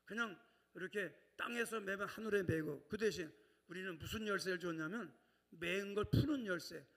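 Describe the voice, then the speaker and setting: A man's voice: sits high, a little fast, gravelly, fairly bright tone. A male pastor preaching a sermon in a chatty way, often checking in with the congregation. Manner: conversational, keeps prompting the congregation. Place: church sanctuary. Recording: long church reverb.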